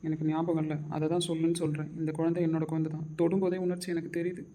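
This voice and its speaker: Man voicing a frantic young husband, fast-talking, mellow tone, pleads and shouts. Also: on the high side, completely flat delivery, natural voice. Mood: tender. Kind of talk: amateur audio drama acting.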